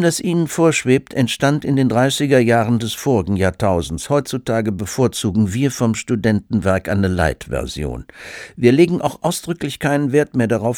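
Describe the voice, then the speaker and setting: A man's voice: mid-range voice, darkish tone, dry recording, clean studio sound, voice pushed up, close to an everyday voice. A man voicing a brash young male student dressed as Santa Claus.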